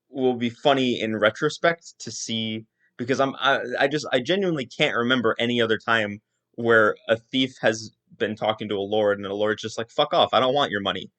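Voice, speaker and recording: A man's voice: lowish voice, a bit bright. A man hosting a casual solo podcast, rambling through his thoughts with lots of restarts and asides. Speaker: podcast host.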